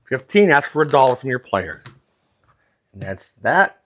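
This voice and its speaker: A man's voice: medium pitch, big pitch swings, normal speed, a bit bright, a little hiss or hum. A plain-spoken man working as a craps dealing instructor, explaining things step by step in a casual, hands-on teaching style.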